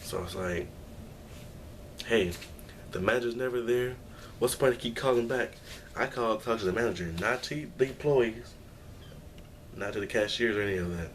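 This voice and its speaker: At home, a young adult vlogger records a meandering, low-spirited talk to camera, sighing and starting over often. He speaks at a normal speed in a medium-pitched voice, leaving long pauses, with slight background noise.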